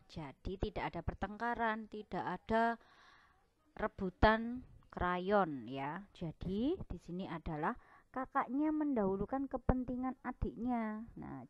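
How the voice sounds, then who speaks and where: A woman's voice: medium pitch, dry recording, muffled recording. A young woman, a primary school teacher, patiently explaining a lesson to children in an online class.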